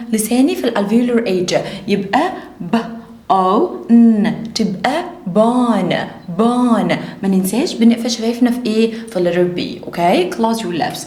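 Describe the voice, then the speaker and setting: A woman with an Egyptian Arabic accent teaching English phonics to children, slowly drilling and repeating each sound. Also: on the high side, warm tone, echoey room.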